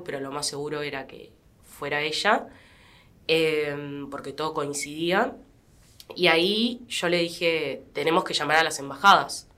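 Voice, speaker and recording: A young adult woman with an Argentine accent, speaking as an interview guest in a quiet, reflective way with fillers and restarts. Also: low-pitched. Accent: Argentine Spanish. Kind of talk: personal testimony in a podcast interview.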